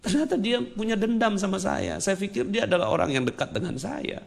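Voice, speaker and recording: A man's voice: high voice, sing-song, fairly quick, vocal fry. A male religious teacher telling a personal story in an earnest sermon, often addressing the audience directly. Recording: long reverb.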